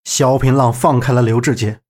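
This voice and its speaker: A man narrating a martial arts novel as an audiobook, in an animated, dramatic reading. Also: medium pitch, normal speed.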